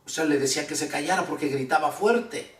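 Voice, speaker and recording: A male pastor preaching a sermon, reading scripture and explaining it with slow, emphatic repetition of key words. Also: on the high side, fairly bright tone, distant mic. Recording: echoey room, voice from afar.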